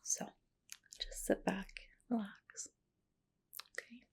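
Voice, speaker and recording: Whispering slowly, soft and breathy, a woman sits close to the mic for an ASMR roleplay as a medical spa practitioner. It's a personal-attention piece full of gentle, reassuring client-care talk.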